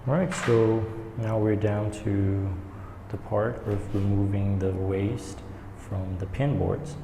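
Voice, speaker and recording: Male craft instructor, gravelly and low, casual and halting step-by-step delivery, recorded in a reverberant echoing stairwell. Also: fairly even intonation. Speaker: woodworking instructor. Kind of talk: hands-on tutorial, talking while working. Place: indoor staircase with strong echo. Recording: echoey stairwell, long reverb, background noise.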